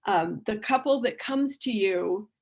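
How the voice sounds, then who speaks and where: A woman's voice: mid-range voice, expressive, a little slow, husky. A woman giving a workshop presentation, earnest and thinking aloud, with frequent restarts and repeated words. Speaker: conference speaker.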